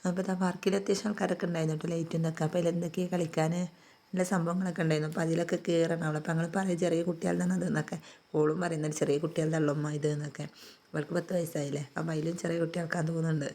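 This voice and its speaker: A woman vlogging in a relaxed, homely way, with a voice still hoarse from illness. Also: low voice, racing. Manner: chatty, homely, tags sentences with "tto". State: hoarse, recovering voice. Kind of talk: casual vlog narration.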